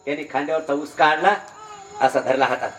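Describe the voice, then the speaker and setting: A man's voice: on the high side, steady tone, a little fast, heavy background noise. A man preaching a devotional sermon, telling a story with animation and acting out its characters' voices. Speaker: kirtan preacher. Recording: echoey venue.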